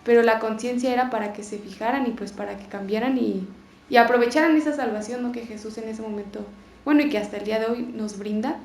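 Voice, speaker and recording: A woman's voice: a little high, quick pace, a little mellow. A woman reflecting on scripture in casual talk, hesitant and full of fillers and self-corrections. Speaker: participant in a Bible conversation. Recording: echoey room with faint noise.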